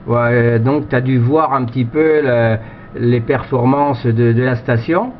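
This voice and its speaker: A French amateur radio operator chats casually during a radio contact, rambling and repeating himself. He has a mid-range voice and speaks a little slowly, heard through muffled, noisy two-way radio sound.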